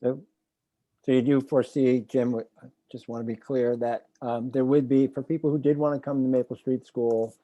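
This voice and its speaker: A man on a board speaks at a public meeting with a mellow, mid-pitched voice. He is deliberate and tentative, on a dry, slightly dull recording. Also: level tone, no room sound. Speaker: school board member.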